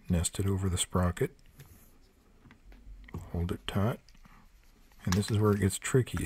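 Older male tool reviewer, very low and gravelly, plain-spoken and practical, faint noise behind. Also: darkish tone. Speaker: product reviewer. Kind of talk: hands-on product review narration. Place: workshop table.

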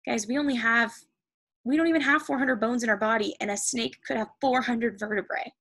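An American woman teaching a recorded reading lesson to children, reading the text aloud slowly and then explaining it with enthusiasm. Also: on the high side, a bit bright.

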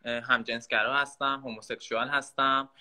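A talkative, playful man in his twenties from Iran joins a casual live-stream chat as a guest on a video call. His voice is medium-pitched and sharp, with little pitch movement.

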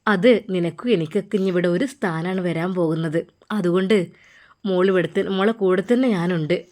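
A woman voicing a kind, motherly wife who coaxes gently but stays firm. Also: on the low side, normal speed, close to an everyday voice. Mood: coaxing. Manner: warm, coaxing, firm.

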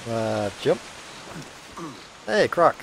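Male let's-play commentator, average pitch, casual and wry, rambling asides over light game ambience. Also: big pitch swings, extremely slow, creaky, background noise. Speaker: gameplay commentator.

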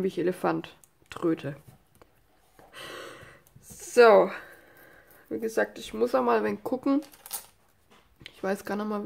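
With a stuffy nose from a cold, this craft channel host rambles through a desk tutorial, full of fillers and side comments. Her voice is medium-pitched and creaky. The recording comes from an overhead camera aimed at her hands on the desk.

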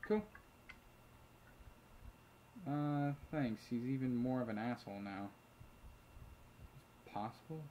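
Taking it slowly with long pauses, a medium-pitched male let's play host casually commentates a chat game, reading out messages, muttering asides, and swearing freely. The recording is muffled with slight background noise and loud keyboard clicks and typing.

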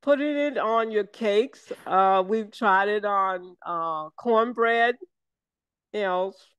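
Older Southern woman, unhurried, rambling guest on a video call, smooth clear tone. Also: medium pitch, fairly bright tone, no echo. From American South. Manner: slow, meandering, many fillers and restarts. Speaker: guest, syrup maker. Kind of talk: casual interview over video call.

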